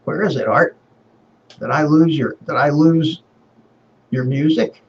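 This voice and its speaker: A man's voice: measured pace, lo-fi sound. Man sounding like he's inside a barrel. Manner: chatty and rambling, fumbling with his gear. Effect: hollow, boomy sound as if inside a barrel. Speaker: livestream show host. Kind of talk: casual chat. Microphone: webcam microphone picking him up from across the room.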